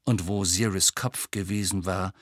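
A man reading a novel aloud as audiobook narrator, in steady, measured storytelling. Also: low voice, dry recording, clean studio sound. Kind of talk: scripted narration.

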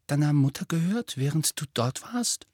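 A careful, earnest teenage girl, as a male audiobook reader puts her on, pitched up and quiet. She speaks softly and hesitantly, with a husky grain in a dry close recording. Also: animated, moderate pace, dry recording. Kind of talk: audiobook character voice.

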